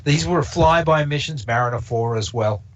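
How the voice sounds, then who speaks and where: A mid-range male voice at normal speed, carrying a little hiss or hum, belongs to a Canadian who speaks English as a second language. He rambles through an informal observatory talk with many fillers and restarts, and the lo-fi stream sound is slightly dull.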